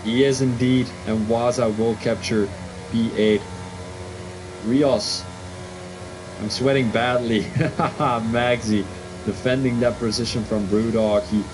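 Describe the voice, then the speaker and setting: This medium-pitched Belgian commentator speaks Dutch with a Belgian accent while calling a sim race live against a noisy background. He's easily excited and quickly questions his own calls.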